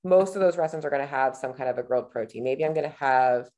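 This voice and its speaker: A nutrition coach in her thirties speaks in a mellow bass voice at a quick pace. She talks casually over a webcam, thinking aloud as she clicks through a screen-share tutorial.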